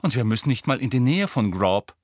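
A man voicing an excitable teenage schoolboy who talks bluntly and with exasperation, pushing his point with raised pitch. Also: brisk, dry recording, clean studio sound. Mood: resigned. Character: excitable teenage boy pupil, blunt and worried.

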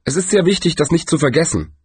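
A man's voice: on the high side, expressive, fast talker, slightly rough, no echo, pitched above the performer's own voice. A man voicing a nervous, bitter male wizard who bluffs his way through. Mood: nervous grumbling.

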